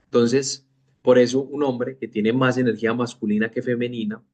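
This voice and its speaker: Measured man explaining spiritual ideas. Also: medium pitch, flat delivery, darkish tone. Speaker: spiritual teacher. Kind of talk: master class talk.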